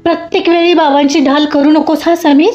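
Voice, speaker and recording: A woman's voice: sits high, fairly even intonation, normal speed, a little mellow, close to an everyday voice. A woman voicing a caring, outspoken young woman office worker who talks firmly. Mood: indignant. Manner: firm, outspoken. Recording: dull lo-fi audio with faint music.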